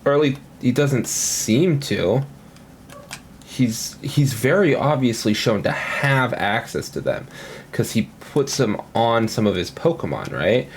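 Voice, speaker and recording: A man's voice: medium pitch, animated, slow pace, a little hiss or hum. A man casually commenting on his gameplay at home, rambling and thinking aloud with lots of fillers. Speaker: gaming commentator.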